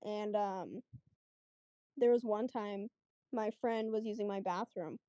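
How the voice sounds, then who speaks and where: Woman guest, mid-pitched, mellow tone, chatty storyteller who acts out the dialogue, dry close mic. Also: slow pace, no room sound, highs cut off. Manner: chatty, lots of fillers, acts out quotes. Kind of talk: casual storytelling.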